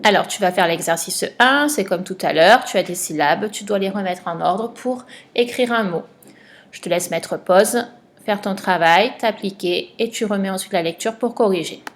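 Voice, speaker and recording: A woman primary school teacher with a mid-range voice records a spelling lesson for a child at home. She goes slowly and patiently, stretching out each word for dictation.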